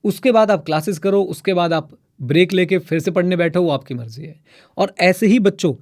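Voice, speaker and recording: A man's voice: high-pitched, a little fast, a little mellow. A man teaching a live online mentorship session, urging students on and repeating points for emphasis. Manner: exhorting, repeats himself for emphasis; addresses students as children, asks them to reply in chat. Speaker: CA exam teacher.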